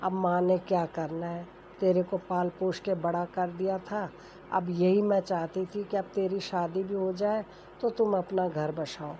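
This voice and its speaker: Woman telling an old family story, lowish mellow voice, relaxed homey way of talking, a bit of noise behind. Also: a little slow, rough recording. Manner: plain homely telling, voices characters lightly without changing voice. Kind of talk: casual oral storytelling. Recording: faint background noise.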